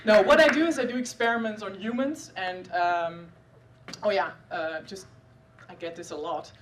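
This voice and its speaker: At a live comedy show, a neuroscientist in her thirties with a Dutch accent riffs on her science work in a dry, self-deprecating way, using many filler sounds. She has a mid-range voice at normal speed, recorded from afar with slight background noise.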